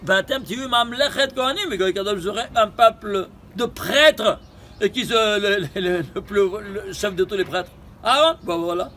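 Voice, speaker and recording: Rabbi teaching torah, high bright voice, animated, keeps asking questions, faint noise behind. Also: male voice, brisk. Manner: animated, questioning, repeats phrases. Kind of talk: Torah lesson with gematria.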